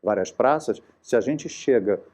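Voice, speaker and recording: A man's voice: mid-range voice, lively intonation, measured pace, darkish tone. A man, a guest actor talking earnestly in a casual interview and often restarting his sentences. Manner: earnest, searching for words with many restarts.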